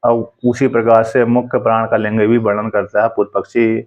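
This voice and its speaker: A man teaching a Sanskrit scripture commentary, reading each phrase slowly and then explaining it in plain conversational speech. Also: on the low side, little pitch movement, lo-fi sound.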